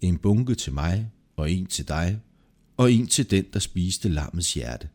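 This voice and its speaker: A man voicing a patient, quietly stern old male apostle, speaking slowly and in a low, measured way in a folk tale. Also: expressive. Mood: calm.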